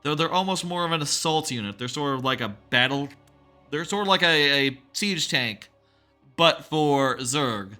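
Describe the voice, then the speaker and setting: Bright, musing male game commentator. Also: a little high, normal speed. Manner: musing, tentative, wry asides. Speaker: gaming video host. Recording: game music under the voice.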